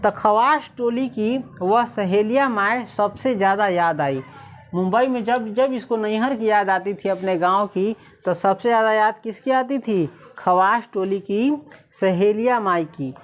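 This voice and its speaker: A woman's voice: medium pitch, measured pace. A woman teacher explaining a story, asking her class questions and answering them herself, slipping into village dialect.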